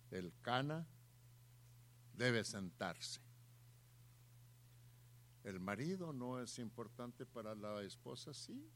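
A man's voice: fairly high pitch, pushed and bright. A man preaching a sermon, putting questions to his listeners and repeating his points for emphasis.

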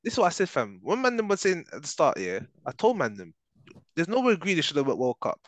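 A man's voice: on the high side, huge pitch swings, quick pace, no echo. A young man with an urban London street accent, arguing about football in a slangy, emphatic, sweary way. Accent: London, urban street style. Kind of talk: heated casual football debate.

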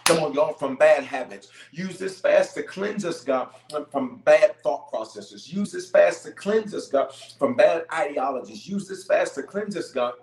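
A man's voice: on the high side, expressive, unhurried, creaky, darkish tone, slight background noise. A man, a bishop leading fervent spontaneous prayer, repeating phrases emphatically and rallying his listeners in a preacher's cadence. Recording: echoey, reverberant room sound.

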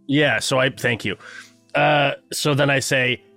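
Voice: medium pitch, steady tone, a little slow, gravelly, pushed and bright, dry recording, faint music behind. A player in a tabletop game, joking around playfully with the group. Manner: jokey, playful. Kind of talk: casual tabletop play.

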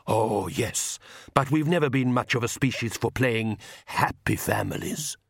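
A man voicing an ancient, courtly male vampire count who speaks slowly and with refined calm. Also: mid-range voice, vocal fry, husky, no echo, studio quality. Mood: wistful. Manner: slow, refined and unhurried.

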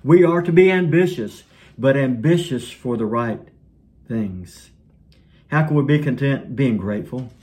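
A man preaching a sermon in an earnest way, his voice sinking soft and low at the ends of lines. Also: measured pace.

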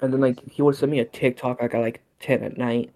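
A man's voice: mid-range voice, flat delivery, fast talker, mellow. A young man co-hosting a casual chat, blunt and profane as he retells family stories. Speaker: podcast co-host.

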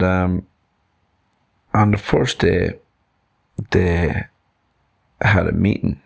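A man's voice: sits low, gravelly, slightly rough. An Irish man hosting a podcast, telling a fable in a loose, rambling way. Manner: rambling, loose, with fillers and restarts. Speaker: podcast host. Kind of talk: casual storytelling.

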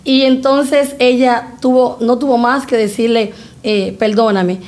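A middle-aged woman with a high voice tells a family story. She is animated and acts out the people in it, with plenty of fillers and pauses. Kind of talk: storytelling in a casual chat.

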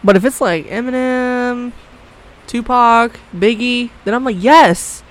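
A woman's voice: on the high side, steady tone, unhurried, poor audio. A woman co-hosts a casual chat on a podcast. She talks bluntly and swears freely. She often breaks into laughter. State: coughing briefly. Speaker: podcast co-host.

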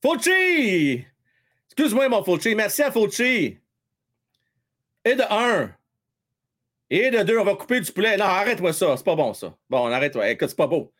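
High-voiced excitable Québécois man commentating. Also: moderate pace, long pauses. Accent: Québécois French. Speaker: fan livestream host. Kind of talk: excited live hockey commentary. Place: at home.

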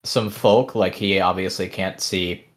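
A man narrating as game master of a tabletop game, relaxed and rambling with fillers. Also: deep voice, measured pace.

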